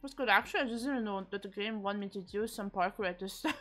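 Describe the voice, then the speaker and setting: A woman's voice: medium pitch, expressive, brisk, fairly bright tone. A young woman streamer chatting casually with her viewers while eating, reading and answering chat with frequent giggles. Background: faint background music.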